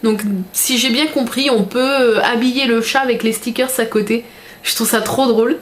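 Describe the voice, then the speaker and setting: A woman's voice: fairly high pitch, steady tone, moderate pace. Chatty gushing young Frenchwoman vlogging. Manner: chatty, gushing, filler-heavy. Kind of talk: casual unboxing chat.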